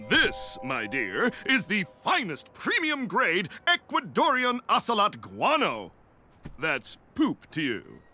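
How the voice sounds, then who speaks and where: A man's voice: high-pitched, wildly swooping pitch, slow, bright, forceful tone, full character voice. A goofy, clueless cartoon dad, proud and pompously enthusiastic. His delivery swings wildly up and down, with music playing behind him. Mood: proud, gleeful. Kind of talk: cartoon voice acting.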